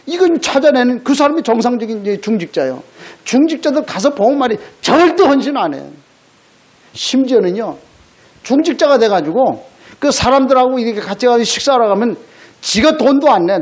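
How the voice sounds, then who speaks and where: A male pastor giving a Sunday sermon in a conversational style, with rhetorical questions and blunt scolding asides. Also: very high voice. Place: church sanctuary.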